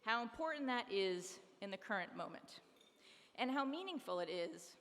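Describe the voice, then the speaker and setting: A woman's voice: a little high, sing-song, a bit bright. Woman calling a charity auction in a hall. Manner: brisk number calling, upbeat and coaxing. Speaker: charity auctioneer and fundraiser host. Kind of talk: live auction calling and fundraising appeal. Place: large hall at an awards dinner. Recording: long reverb hall, faint room noise.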